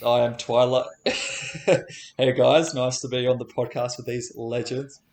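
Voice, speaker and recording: A man's voice: mid-range voice, steady tone, measured pace, creaky. A man chatting casually on a podcast as a new member, with a playful, joking manner. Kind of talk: casual chat. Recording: roomy, echoing sound.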